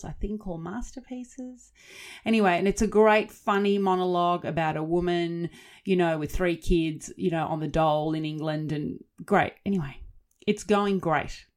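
A woman co-hosting a podcast, telling stories in lively casual chat with easy laughs and chatty asides. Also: lowish voice. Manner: animated storyteller, laughs easily, chatty asides. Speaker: podcast co-host.

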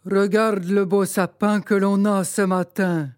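A loving father from a storybook, speaking fondly and slowly to his daughter. A woman storyteller reads his lines. Close and dry. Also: mid-range voice, flat delivery, a little mellow, dry recording, natural voice. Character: loving father of a little girl.

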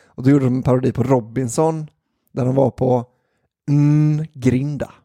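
A man's voice: medium pitch, steady tone, dark tone, no room sound. A man chatting casually and rambling, drifting from one topic to the next. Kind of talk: casual podcast chat.

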